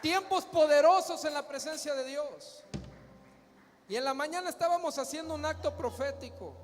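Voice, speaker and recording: A man's voice: very high-pitched, normal speed. A man preaching a sermon as pastor, emphatic, firing rhetorical questions and calling the crowd to answer. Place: large church hall. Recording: long hall reverb with faint music.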